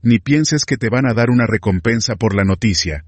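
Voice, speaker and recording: A man's voice: lowish voice, moderate pace, no room sound, lightly acted. A man voicing a stern male army commander in a blunt read.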